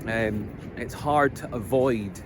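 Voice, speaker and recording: A middle-aged man with a Scottish accent, talking slowly and earnestly in a reflective personal monologue, pausing often with ums as he gathers his thoughts. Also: mid-range voice. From Scotland. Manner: hesitant, many pauses and ums, earnest. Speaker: vlogger. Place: outdoors on a coast. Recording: outdoor recording with background noise. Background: outdoor noise, passing vehicles.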